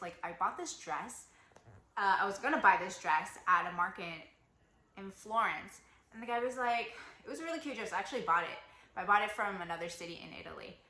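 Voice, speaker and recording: A young travel vlogger gives casual advice to camera, chatty and stuffed with fillers like "like" and "you know." Her voice is on the low side, bright, and forceful in tone. She's recorded in an echoey room.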